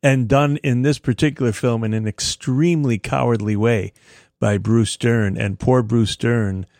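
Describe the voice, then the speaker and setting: A man with a thin, reedy, slightly raspy voice, chatting and rambling casually as he hosts a music show on the radio. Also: medium pitch, fairly even intonation, measured pace, a little mellow, no echo, studio quality. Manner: chatty, rambling, chuckles often. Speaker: radio host. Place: radio studio.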